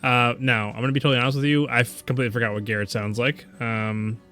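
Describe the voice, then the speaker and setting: Man, game master, bright sharp voice, candid, self-correcting, faint music. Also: mid-range voice, steady tone, quick pace. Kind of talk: running a tabletop game.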